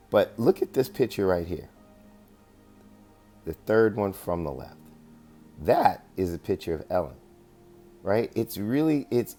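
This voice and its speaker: Low-voiced rambling man presenting theories. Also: mellow. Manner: rambling, filler-heavy, often asks "right?" to the viewer. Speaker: amateur investigator presenting findings. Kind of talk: casual screen-share presentation.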